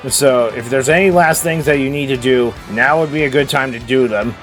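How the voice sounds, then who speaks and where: A man giving casual gameplay commentary in a halting, hesitant way. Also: medium pitch, soft background music. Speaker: video game playthrough host.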